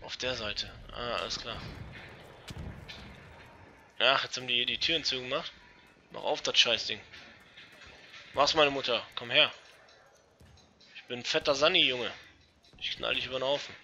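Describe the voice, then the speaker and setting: A young man giving casual, excitable commentary over an online shooter match, swearing and talking to his viewers. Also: mid-range voice, normal speed, long pauses, slight background noise. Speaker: let's play gamer. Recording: dull lo-fi gaming mic.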